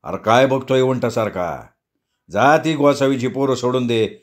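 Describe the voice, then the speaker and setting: A man's voice: medium pitch, a little slow, close to an everyday voice. Bossy police chief, barking and dismissive, read by a male narrator in near his own voice.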